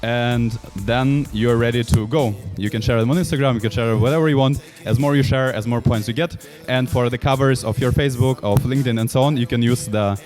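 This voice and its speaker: A man's voice: mid-range voice, brisk, hardly any pauses, soft background music. Upbeat man. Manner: energetic and upbeat. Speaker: event host. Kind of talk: online event presentation. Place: at home on a couch.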